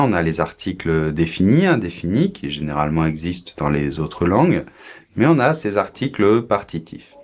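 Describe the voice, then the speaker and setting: A very low-pitched man teaching a French grammar lesson. He explains patiently, pauses on fillers and checks in often with "ok". He drags out sounds when he demonstrates pronunciation. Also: darkish tone. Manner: explains slowly with many fillers and checks like ok, d'accord; models pronunciation, drawing out sounds.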